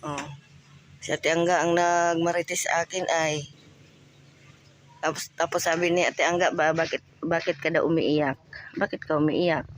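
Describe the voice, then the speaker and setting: Slow-talking man vlogger, teasing and fussing. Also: sits high, fairly bright tone, slight background noise. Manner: teasing, fussing, keeps asking questions. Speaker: vlogger host. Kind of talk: casual vlog chat.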